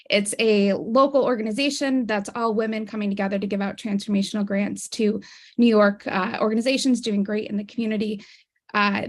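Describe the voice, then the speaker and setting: A woman's voice: medium pitch, gravelly. Upbeat, chatty woman on a video call. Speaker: panelist. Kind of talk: casual self-introduction.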